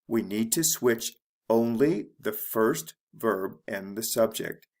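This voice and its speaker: A man teaching English to beginners, speaking slowly and clearly and modeling the intonation of example sentences. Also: on the low side, lively intonation, darkish tone. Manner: deliberate, modeling intonation for learners. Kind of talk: slow, clear lesson narration.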